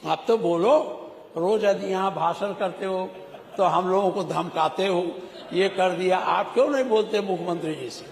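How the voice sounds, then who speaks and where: High-voiced man scolding ministers in an echoing chamber. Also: normal speed, gravelly. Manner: rhetorical, scolding, with teasing asides to ministers. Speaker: legislator speaking in the state assembly. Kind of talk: parliamentary floor speech. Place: large legislative chamber. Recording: echoey hall broadcast audio.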